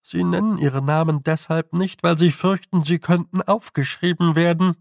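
A man's voice: a little high, steady tone, moderate pace, gravelly, dry recording, pitched above the performer's own voice. A man voicing a dry, knowing talking toad who gives wry, muttered advice.

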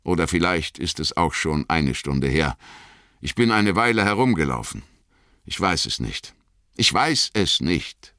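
A man's voice: rumbling low, expressive, normal speed, a bit bright, no echo, studio quality, pitched above the performer's own voice, heavily acted. A man voicing a brooding warrior who speaks hesitantly, guilty and evasive.

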